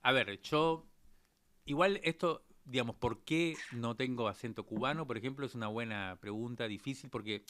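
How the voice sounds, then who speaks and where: Here a fiftysomething man from Argentina reflects on his personal story during an interview, his Argentine Spanish accent clear and his speech peppered with hesitant fillers. The voice is medium-pitched and fairly bright, at normal speed, with no room sound.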